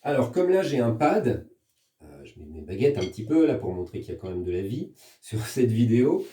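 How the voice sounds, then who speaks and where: A man's voice: mid-range voice, big pitch swings, brisk, mellow, recorded from a distance. French man teaching drums in an echoey room. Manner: patient, step-by-step explaining with counting aloud. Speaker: music teacher. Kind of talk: recorded percussion lesson for pupils. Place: room at home with a practice pad.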